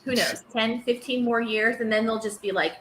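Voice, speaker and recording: Bright-voiced woman in an echoey room. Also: on the high side, moderate pace, slight background noise. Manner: lively, laughing, playful voices. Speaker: podcast guest. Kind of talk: casual chat.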